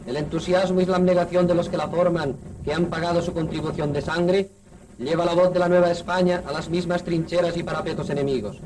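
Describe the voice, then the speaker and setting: A man's voice: a little high, level tone, a little fast, a little mellow, a little hiss or hum. A man reading formal, declamatory 1930s old newsreel commentary. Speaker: newsreel narrator. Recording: distant 1930s newsreel soundtrack with music.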